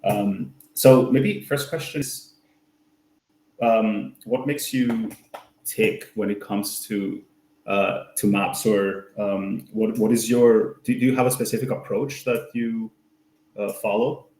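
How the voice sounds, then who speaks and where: A man's voice: lowish voice, steady tone, slow pace, a little mellow, echoey room, poor audio. A man hosting an online user group meetup, talking casually with many fillers and restarts. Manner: friendly, full of fillers and restarts.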